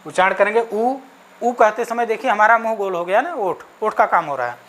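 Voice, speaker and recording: A man's voice: high voice, animated, a little fast, fairly bright tone. A man teaching an exam-prep Sanskrit grammar lesson, asking questions and answering them himself, checking in often with "okay", and spelling out sounds one by one.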